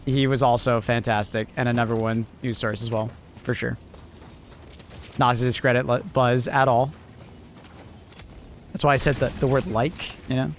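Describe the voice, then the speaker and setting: Pausing often, a young Canadian man with a near-American accent chats on a live stream at moderate pace, medium pitch and little pitch movement, with slight background noise. He's relaxed and rambling, chuckling and filling space with plenty of fillers.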